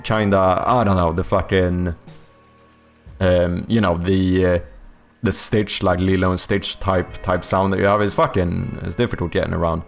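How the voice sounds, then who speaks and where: On a game dev stream with faint music behind him, a young man from Sweden speaks in a low, gravelly voice with flat delivery at normal speed. He swears a lot, restarts sentences, and pads pauses with ums and likes in casual, loose live-stream chatter.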